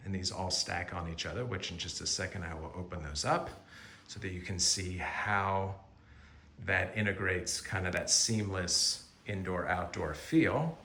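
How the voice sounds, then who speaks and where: Echoey low-voiced man giving a home tour. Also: pushed and bright. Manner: polished sales talk, appreciative descriptions of features. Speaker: real estate agent giving a home tour. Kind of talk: walk-through property tour presentation. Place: indoors, walking through rooms of a house. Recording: echoey rooms with faint background noise.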